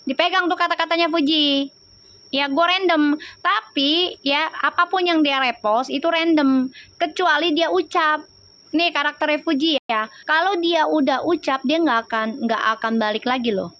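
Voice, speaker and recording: A woman's voice: high voice, moderate pace, a bit bright. A woman gives a casual live tarot reading, chatty and teasing and often breaking into laughter. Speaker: tarot reader on a live stream.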